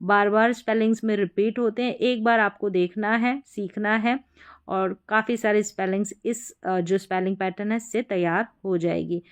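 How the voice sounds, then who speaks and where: A young woman teaching English pronunciation, spelling out letters slowly and repeating each word several times. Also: medium pitch. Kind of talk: explanatory lesson.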